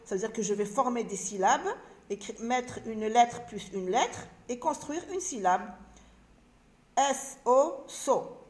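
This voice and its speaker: A woman teacher giving a reading lesson to children, spelling out syllables slowly and clearly and repeating each word. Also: fairly high pitch, lively intonation.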